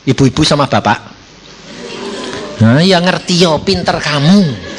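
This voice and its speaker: A man's voice: fairly high pitch, expressive, a little slow, noisy background. A man preaching a sermon and telling stories, acting out voices with laughter.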